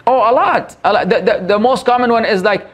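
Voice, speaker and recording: A man in his forties with a noticeably high-pitched voice chats on a podcast. He talks candidly and pokes fun at himself, often restarting his sentences mid-thought. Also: a little fast, a bit bright. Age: 40s. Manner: candid, self-deprecating, lots of restarts. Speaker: podcast guest, Islamic preacher. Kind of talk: casual podcast conversation.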